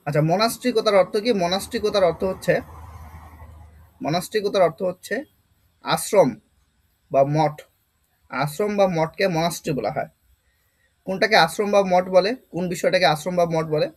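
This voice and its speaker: Rhetorical Bengali vocabulary teacher, man. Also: high voice. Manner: explains step by step, repeats words and asks rhetorical questions. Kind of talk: vocabulary lesson.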